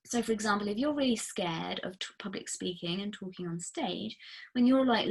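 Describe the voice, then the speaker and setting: A woman with a husky, slightly breathy voice talks her way through a relaxed masterclass. She coaches in a chatty, emphatic manner, full of "like"s and frank, blunt asides, and her pitch sits in the middle of the range. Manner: chatty and emphatic, frequent "like" fillers. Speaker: fertility coach. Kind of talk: casual recorded masterclass talk.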